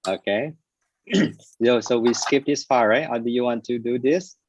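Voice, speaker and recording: A man's voice: medium pitch, unhurried, breathy edge. A man teaching an English class online, drilling words and often checking with "right?". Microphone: computer microphone on a video call. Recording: dull lo-fi online call audio.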